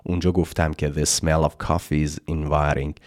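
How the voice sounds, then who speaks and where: A man teaching an English exam lesson, explaining vocabulary and reading English phrases slowly and deliberately. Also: very deep voice, flat delivery, no room sound, studio quality. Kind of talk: online language lesson.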